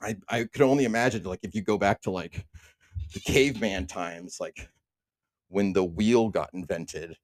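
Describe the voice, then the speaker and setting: A man's voice: low voice, normal speed, no echo. A man in his thirties hosting a solo podcast, delivering a profane, rambling rant full of restarts. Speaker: podcast host. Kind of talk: casual solo monologue.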